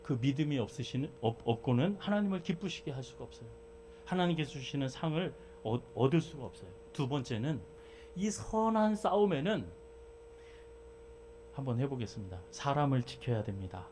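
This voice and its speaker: A male pastor preaching a sermon who moves between loud fervent exhortation and relaxed, chatty storytelling. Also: medium pitch, a little fast, slight background noise. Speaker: senior pastor.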